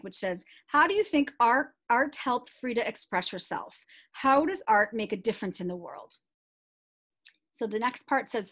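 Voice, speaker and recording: In a somewhat high voice, a middle-aged woman gives a read-aloud aimed at young readers. She handles the text with deliberate expression and drifts into chatty explanations for the kids.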